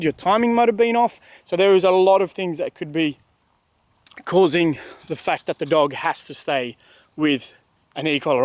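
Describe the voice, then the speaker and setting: A fairly high-pitched man offers casual instruction on training dogs while out at a dog park, hammering his points home and voicing the dog's thoughts. The recording has no room sound.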